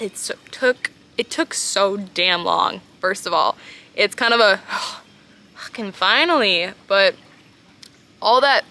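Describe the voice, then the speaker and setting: A woman talks solo as a podcast host while sitting outdoors in a pool. Her voice is bright and forceful at an average pitch. She speaks informally and earnestly, leaning on key words in a casual motivational style.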